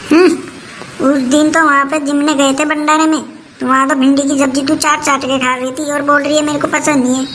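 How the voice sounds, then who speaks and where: A woman's voice: sits high, little pitch movement, fairly quick, fairly bright tone, slight background noise. A woman playing a sarcastic daughter-in-law. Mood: defiant. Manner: talks back, sarcastic. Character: sharp-tongued defiant young daughter-in-law. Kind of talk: comic family skit.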